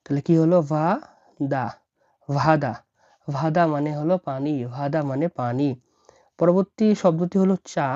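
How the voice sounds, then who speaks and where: Woman language tutor, deep and mellow, patient letter-by-letter explainer, lo-fi sound. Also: moderate pace, no room sound. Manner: spells words out letter by letter, repeats each word. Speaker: language teacher. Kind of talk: slow explanatory lesson. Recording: dull lo-fi dry recording.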